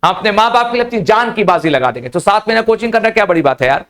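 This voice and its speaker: एक पुरुष शिक्षक जो कोचिंग क्लास में छात्रों को "बेटा" कहकर समझाते हुए अंग्रेज़ी पढ़ा रहे हैं।. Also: male voice, high voice, very fast. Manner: addresses students as beta, lively and coaxing. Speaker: English teacher. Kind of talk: classroom lecture. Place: coaching classroom.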